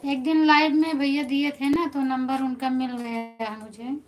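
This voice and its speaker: A woman with an Awadhi accent hosts a casual live stream on her phone. Her voice sits high and stays fairly even in tone. She chats with her viewers, answers them by name and reassures them warmly. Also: normal speed, poor audio. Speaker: folk singer hosting a live stream.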